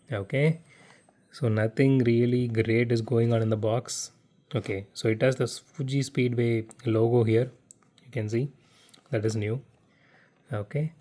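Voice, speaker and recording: A man hosting a casual model car unboxing vlog from his living room, talking haltingly with stutters and restarts. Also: lowish voice, dark tone. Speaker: diecast model car unboxing channel host. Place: home living room without air conditioning.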